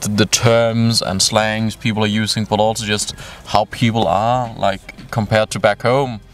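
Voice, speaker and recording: A man's voice: fairly low pitch, little pitch movement, measured pace, a little hiss or hum. A young man from Denmark, a native Danish speaker, chatting casually with a hesitant manner and many fillers. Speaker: volunteer. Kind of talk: casual group chat.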